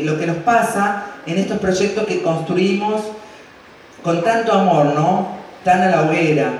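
A man with an Argentine accent giving an unscripted, colloquial acceptance speech as an award recipient. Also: fairly high pitch. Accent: Argentine, from Santa Fe province. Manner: colloquial, fond diminutives, checking in with '¿no?'. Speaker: award recipient from a community library. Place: large hall at an award ceremony. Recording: very echoey hall, distant mic, faint noise.

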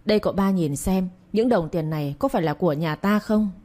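A woman reading the part of a young male farmhand who points and shouts accusations. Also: on the low side, brisk, natural voice. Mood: accusing.

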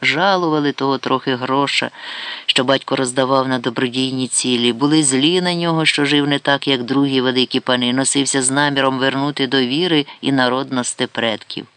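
A man voicing a grieving, reserved older countess who speaks with a trembling voice in a restrained, quietly sorrowful way, read as an audiobook character. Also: medium pitch, steady tone, fairly quick, smooth, dry recording, lightly acted.

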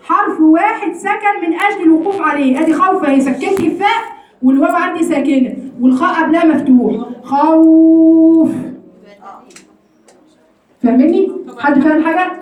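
A woman's voice: very high voice, fast, roomy sound, far from the mic, poor audio. A woman with an Egyptian Arabic accent teaching Quran recitation rules in a classroom lesson, explaining step by step and often checking whether her students follow.

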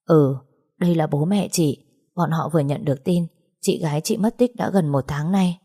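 A woman voicing a composed young rural woman teacher who talks in a steady, soothing way. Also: deep voice, normal speed, husky.

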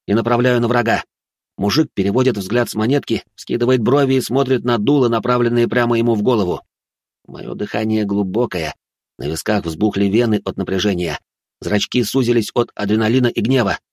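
A man reads a first-person story in a tense, dramatic manner. His voice is low and husky. The sound is dry and close to the mic. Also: darkish tone, no room sound. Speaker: narrator.

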